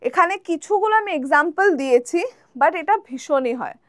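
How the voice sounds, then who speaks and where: A young Bengali-accented woman with a high, bright voice gives a spoken English lesson. She switches between brisk explanation and slow, careful English examples, checking in with her listeners often. The sound is dry and close, with no room echo. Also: animated. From West Bengal, India.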